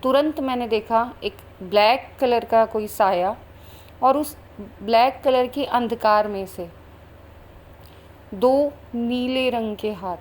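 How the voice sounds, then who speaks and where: A woman's voice: on the high side, takes it slowly, slight background noise. A woman, a spiritual channel host, recounting a meditation vision in a flowing, earnest way with many fillers. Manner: earnest, flowing Hindi-English mix with fillers. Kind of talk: personal spiritual account.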